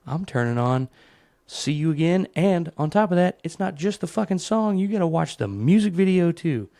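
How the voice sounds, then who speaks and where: On his solo podcast, a man tells stories with animation and rants in a rambling, foul-mouthed, funny way, shifting into higher voices for quotes. He talks at a moderate pace, and the recording is dry and studio quality.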